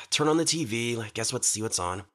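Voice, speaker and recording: A man's voice: mid-range voice, lively intonation, normal speed, a bit bright, lightly acted. A man voicing his laid-back prankster friend, talking casually and offhand.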